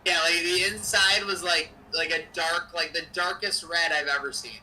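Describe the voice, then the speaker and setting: Sharp, bright young man calling plays. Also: a little high, fairly even intonation, normal speed, far from the mic, slight background noise, rough recording. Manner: chatty, jokey, drops game calls between stories. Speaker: co-host of a game-sim stream. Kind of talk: casual chat and play-by-play over a simulated football game.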